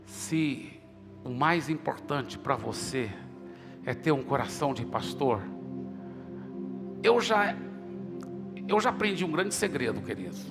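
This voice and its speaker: A man's voice: medium pitch, lively intonation, takes it slowly, creaky, pauses often. A male pastor preaching a sermon, passionately retelling his prayers and urging leaders to come forward. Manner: impassioned preaching with dramatic retold dialogue. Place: church auditorium. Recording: church hall reverb with faint music.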